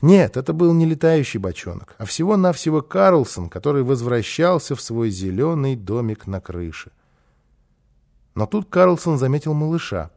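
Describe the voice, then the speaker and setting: A man narrating a children's storybook aloud in a lively, expressive manner. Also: medium pitch, normal speed, gravelly.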